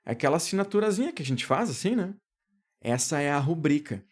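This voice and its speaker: A man from Brazil teaching an exam-prep grammar lesson, putting questions to his students and answering them himself, drawing out key words slowly. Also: on the high side, big pitch swings.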